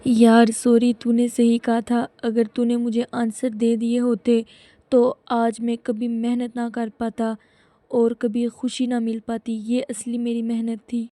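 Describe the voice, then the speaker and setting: A woman's voice: fairly high pitch, monotone, warm tone, no echo, close to an everyday voice. A woman voicing a schoolboy who pleads with his friend, with a dry, close sound. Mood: relieved. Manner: pleading then sulky. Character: schoolboy who begs to cheat, sulky.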